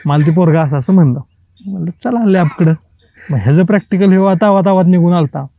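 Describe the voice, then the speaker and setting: A man with a fairly high but dark, mellow voice tells stories the way friends swap them, bouncing between narration and acted-out dialogue in loose colloquial speech. He laughs often as he goes. The sound is close and dry. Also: a little fast, no room sound, muffled recording. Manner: lively anecdotal storytelling, acts out quoted dialogue, laughs often. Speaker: writer, podcast guest. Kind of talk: casual storytelling interview.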